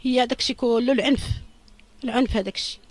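A woman's voice: on the high side, fairly even intonation, rapid-fire, dry recording. A middle-aged woman with a Moroccan Arabic accent gives an emotional interview as a victim's mother, talking in an urgent, lamenting and pleading way.

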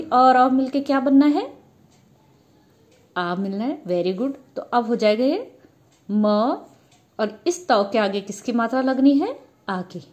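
A woman teacher giving a grammar lesson, patiently asking questions and answering them herself. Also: fairly high pitch. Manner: addresses students as children.

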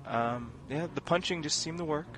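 A let's player with a slightly high voice talks at a normal speed, giving casual, wry, sarcastic commentary as he plays a video game. Game music and sound effects play behind him.

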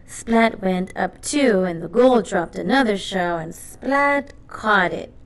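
This is a storybook reader: a woman with a mid-range voice giving a children's book an expressive, carefully paced reading aloud.

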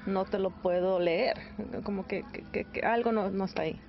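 A woman's voice: mid-range voice, steady tone, normal speed, dull audio. A Mexican-born woman in her thirties, interviewed outdoors and speaking candidly and reflectively. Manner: candid, reflective, laughs easily. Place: outdoors by trees and a beach.

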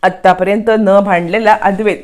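A woman narrating a recap of a TV serial episode as a lively story, voicing the characters' quotes. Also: mid-range voice, normal speed. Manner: lively retelling with voiced quotes.

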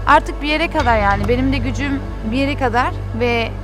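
High pitched woman, not a native turkish speaker, defensive arguing, music behind her outdoors. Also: brisk. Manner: defensive, repeats herself. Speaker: reality show contestant. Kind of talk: heated argument.

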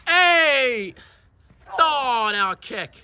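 A man giving excited, joking play-by-play commentary on a wrestling match and shouting out the count. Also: very high voice, drawn-out words, clean tone, no echo.

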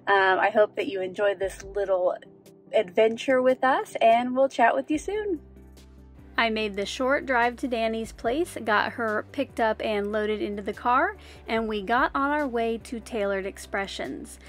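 A craft vlogger in her forties chats in a friendly, upbeat way into a phone held at arm's length, inside a car and outdoors at a rest area, also doing voice-over narration. Her voice is a little high and measured, with soft music behind.

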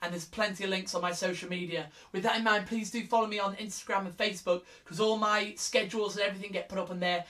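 A woman's voice: medium pitch, far from the mic. A woman speaking as a kids show host, theatrical and encouraging, addressing children directly in an interactive sing-along style. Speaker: children's music session host.

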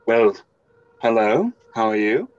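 A man's voice: fairly low pitch, big pitch swings, slow, dry recording. Muffled, brash young male exile acted by a man. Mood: nervous bluffing. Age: young adult. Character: brash, evasive, confused young male exile caught stealing. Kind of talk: amateur video game role-play drama. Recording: muffled lo-fi home webcam audio.

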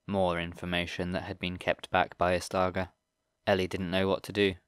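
Guy narrating a kids fantasy book, lowish voice, steady, dry close sound. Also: normal speed, smooth, no echo. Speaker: audiobook narrator. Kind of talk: scripted narration.

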